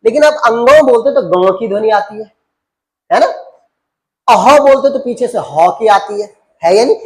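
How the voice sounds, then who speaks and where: A man's voice: high voice, expressive, moderate pace. A man teaches a grammar lesson in a patient, drilling way. He keeps asking his students questions and answering them himself, and repeats each key term again and again. He calls them "beta". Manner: addresses students as beta and babu.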